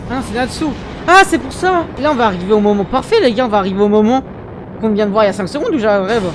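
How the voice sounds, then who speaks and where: A woman's voice: a little high, expressive, fast, noisy background. A woman hosting a reaction video, commenting casually in slangy, exclamatory bursts. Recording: music from the show behind.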